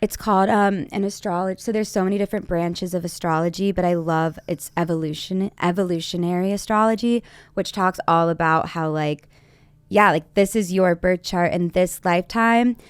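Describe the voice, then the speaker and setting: A woman's voice: fairly low pitch, moderate pace, clear, resonant tone, no echo. A woman hosting an astrology chat show, talking in a bubbly, upbeat way full of "like". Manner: bubbly, upbeat, filler-heavy. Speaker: astrologer podcast host. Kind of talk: casual interview chat.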